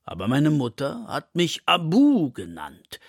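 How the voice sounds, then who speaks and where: Guy doing a big gentle elephant, slow and wistful, a bit gravelly. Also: fairly high pitch, wildly swooping pitch, no echo, studio quality, pitched above the performer's own voice, full character voice. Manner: slow, longing, soft-spoken.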